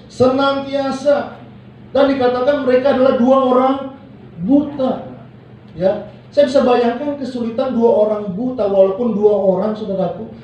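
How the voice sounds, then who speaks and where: A man's voice: very high-pitched, dark tone, slight background noise. A male pastor preaching a sermon in a church hall, leading the congregation in call-and-response and acting out the people he quotes. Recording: echoey hall, mic from far off.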